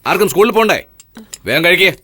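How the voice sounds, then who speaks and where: A man's voice: high voice, lively intonation, fast, bright, forceful tone, dry recording, heavily acted. A harsh magistrate father. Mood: stern. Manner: harsh, scolding, sarcastic. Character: strict, harsh middle-aged magistrate father. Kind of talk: dubbed film dialogue.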